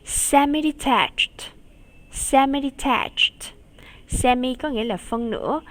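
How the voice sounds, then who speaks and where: A woman teaching an English lesson for children in a recorded video. She says each word twice and drills its sounds for pupils to repeat. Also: fairly high pitch. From Vietnam.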